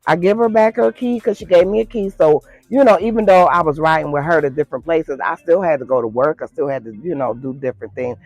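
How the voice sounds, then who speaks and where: A woman's voice: deep voice, fast, hardly any pauses, darkish tone, no echo, soft background music. A woman telling a personal story to her viewers in a casual, chatty way, calling them girl and y'all. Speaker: storytime vlogger.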